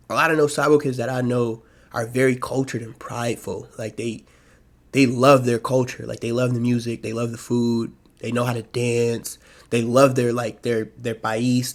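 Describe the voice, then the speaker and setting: Rambling young man vlogging casually. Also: mid-range voice. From United States. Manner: rambling, loose, slangy, lots of fillers. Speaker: YouTube vlogger. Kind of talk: casual solo talk to camera.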